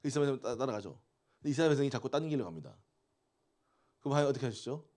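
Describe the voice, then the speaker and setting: A man's voice: mid-range voice, animated, racing, darkish tone. A man preaching to teenagers in a conversational way, often asking them questions and waiting for replies. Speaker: youth pastor. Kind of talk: interactive youth sermon.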